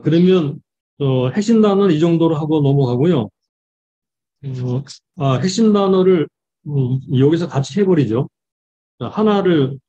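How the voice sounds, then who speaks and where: A man, a pastor, giving a Bible study lecture, reading verses slowly and explaining them with frequent fillers. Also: on the high side, dark tone, slightly rough, muffled recording.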